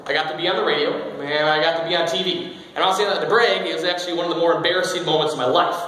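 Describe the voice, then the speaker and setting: A man in his twenties gives a humorous personal speech, joking and poking fun at himself. His voice is on the high side with a sharp tone, and the recording has faint noise in a very echoey hall.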